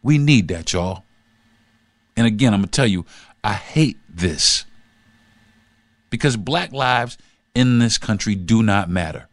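A man's voice: lowish voice, animated, normal speed, no room sound. A man hosting his own podcast, delivering a fiery, profane, pleading monologue. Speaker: podcast host.

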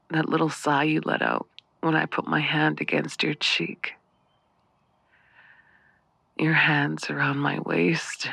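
A man speaks in a hushed, breathy half-whisper close to the microphone, drawing every phrase out very slowly. His voice is husky with a gravelly edge, yet bright in tone. The sound is dry and close, with no room around it. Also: on the high side, dry recording. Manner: soft, breathy half-whisper, slow and lingering. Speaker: audio roleplay performer. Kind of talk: intimate whispered audio roleplay.

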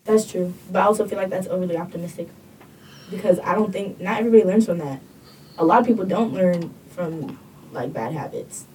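A woman's voice: on the low side, brisk, mellow, distant mic, a little hiss or hum, rough recording. A woman co-hosting a podcast, chatting casually and thinking aloud with lots of "like". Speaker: podcast co-host. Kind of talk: casual chat.

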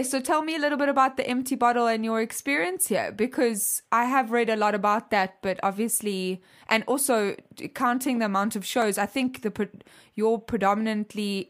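A woman interviewing a musician in a casual, eager way, quick to exclaim and react. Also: medium pitch. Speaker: radio interviewer.

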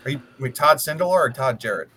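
Fast-talking and bright, with a pushed, slightly rough medium-pitched voice and lively intonation, an American man of about thirty chats casually. He's blunt and sweary and keeps talking at length.

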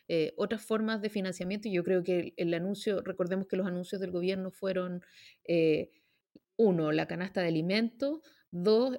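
A woman's voice: mid-range voice, darkish tone. A woman with a Chilean accent, commenting emphatically on politics in a panel discussion, with many fillers and restarts. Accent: Chilean Spanish.

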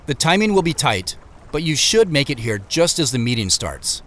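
This man's voice sits a little high with a sing-song lilt, a slightly bright tone, and normal speed. He's an actor narrating his own audio drama in the first person as the main character, a wry, beleaguered office man on the run, tossing out understated, muttered asides. The narration feels wry and weary.

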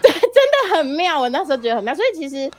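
Female podcast host, Taiwanese Mandarin accent, quick casual chatter, very swingy intonation, playful teasing. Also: sits high, very animated. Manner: playful, teasing, often laughing. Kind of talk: casual chat, animated anecdotes.

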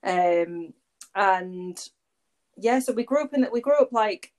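In a relaxed podcast interview, a Warrington-born agency founder talks at length, wandering and leaning on fillers. Her medium-pitched voice is darkish and lively in intonation, and she takes her time.

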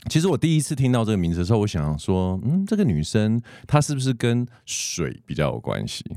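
A man with a Taiwanese Mandarin accent hosts a podcast conversationally. His voice is low, with very animated intonation, in a dry close recording. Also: fairly quick, no room sound. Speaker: podcast host. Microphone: close podcast microphone with headphones.

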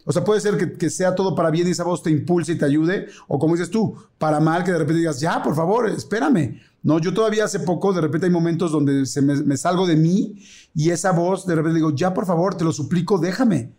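Mexican man, podcast co-host, slightly high voice, relaxed conversational delivery. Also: brisk. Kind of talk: casual chat.

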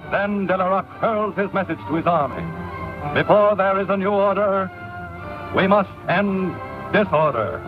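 A man's voice: high voice, normal speed. A man narrating an old 1930s newsreel in a formal, dramatic, proclaiming style. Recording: tinny band-limited 1930s newsreel with music. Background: loud music.

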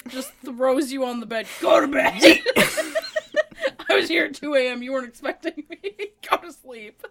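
A woman's voice: high-pitched, fairly quick. A woman co-hosting a podcast, making teasing, sarcastic comments in casual chat. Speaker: podcast co-host.

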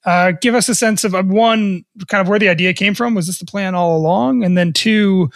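A man's voice: high voice, a little fast, vocal fry, dry recording, clean studio sound. A man co-hosting a podcast, asking long, careful questions in several parts. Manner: asks long, careful multi-part questions. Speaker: podcast co-host. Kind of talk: interview questioning.

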